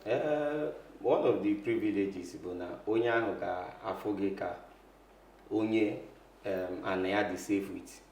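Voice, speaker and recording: A Nigerian man with an Igbo accent speaks in a fairly low voice, explaining conversationally as an interview guest. He moves back and forth between Igbo and English. The room adds a noticeable echo. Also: a little slow, a little mellow, a little hiss or hum. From south-eastern Nigeria. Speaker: interview guest, real estate lawyer. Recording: echoey room.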